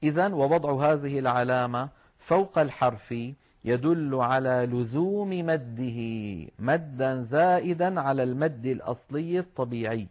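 A man teaching Quran recitation rules, patiently explaining step by step and slowing down to demonstrate words. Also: mid-range voice. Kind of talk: explanatory religious lesson. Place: online class with shared screen. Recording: slightly dull lo-fi sound.

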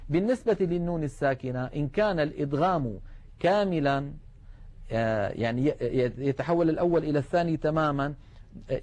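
A man with a slightly high voice teaches Quran recitation in a steady, patient way. He stops often to chant short examples very slowly, holding the nasal sounds long. The tone stays that of a lesson throughout. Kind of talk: recorded tajweed lesson.

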